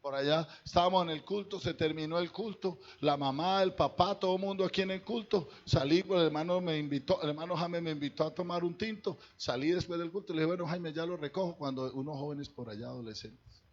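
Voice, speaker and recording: A man's voice: on the high side, a little fast, few pauses, lo-fi sound. A man, a pastor preaching a sermon to his congregation in a conversational way, talking straight to them. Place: church.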